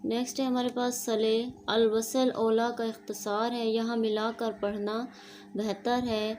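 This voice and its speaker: A woman teaching an online Quran lesson, explaining step by step in a steady teaching manner and slipping in English words. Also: fairly high pitch, a little hiss or hum.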